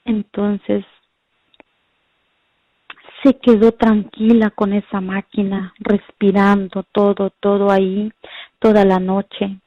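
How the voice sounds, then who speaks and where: A woman's voice: mid-range voice, level tone, takes it slowly, long pauses, no room sound. A middle-aged woman giving an earnest, prayerful religious testimony and often calling her listeners brothers and sisters. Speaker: mother giving a faith testimony. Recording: dull lo-fi recording.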